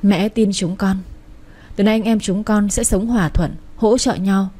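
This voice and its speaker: A woman's voice: mid-range voice, fairly even intonation, measured pace, warm tone, close to an everyday voice. A woman voicing a remorseful eldest son who pleads with his mother in a choked voice. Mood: earnest.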